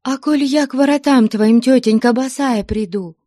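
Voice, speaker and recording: A woman's voice: on the high side, normal speed, warm tone, no echo, studio quality, voice pushed up, lightly acted. A woman voicing a young maiden who pleads emotionally to join a convent in an audiobook. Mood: pleading.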